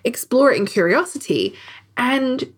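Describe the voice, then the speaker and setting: A woman's voice: fairly high pitch, sing-song, a little slow, husky. A woman hosting a solo podcast, talking candidly and conversationally, swearing casually now and then. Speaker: podcast host. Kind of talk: reflective solo podcast talk.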